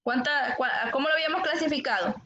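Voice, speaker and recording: High-voiced teacher in an echoey classroom. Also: female voice, quick pace, pushed and bright, slight background noise. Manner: patient, asks the class questions and repeats answers. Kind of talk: classroom lesson on poetic meter. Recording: echoey classroom, dull lo-fi sound.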